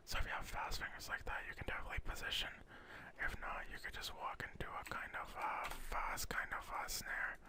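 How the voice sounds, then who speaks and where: A man giving ASMR gaming commentary in an unvoiced, breathy whisper, explaining things gently and a little hesitantly. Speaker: gaming video host and guide.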